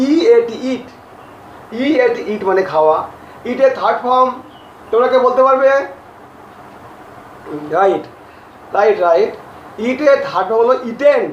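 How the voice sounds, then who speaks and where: A male English teacher, teaching grammar to a class slowly, repeating and spelling out each word. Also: very high voice, a little hiss or hum. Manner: slow, repeats and spells out words. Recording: echoey, distant, dull lo-fi audio.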